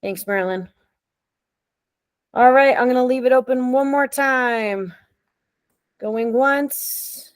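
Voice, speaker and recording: A woman hosts an online meeting in a relaxed, friendly way. Her voice sits a little high, and she often pauses with ums. It is recorded over a video call with a dry sound and no room echo. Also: clean tone. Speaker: meeting facilitator. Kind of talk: casual online meeting talk.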